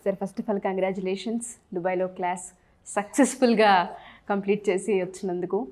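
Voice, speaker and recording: Woman host asking a guru questions, polite, middle pitched voice. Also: fairly even intonation, moderate pace, a little mellow. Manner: respectful, mixes English words. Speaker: interviewer host.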